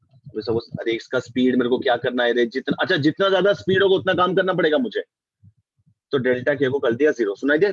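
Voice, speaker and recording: Husky-voiced man teaching a physics class. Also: medium pitch, a little mellow, no room sound. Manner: mixes Hindi and English, quizzes students often. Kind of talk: online class lecture. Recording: dull dry lo-fi mic.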